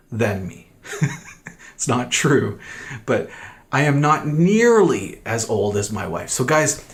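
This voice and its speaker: Male english teacher, thirties, very slow delivery, repeats phrases for emphasis. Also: mid-range voice. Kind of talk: grammar lesson to learners.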